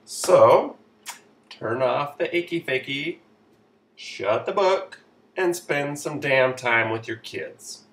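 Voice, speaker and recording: A man's voice: medium pitch, lively intonation, slow pace, far from the mic. A man giving sarcastic, mock-authoritative parenting advice in a comedy vlog. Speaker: comedy vlogger. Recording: roomy echo, off-mic, faint noise.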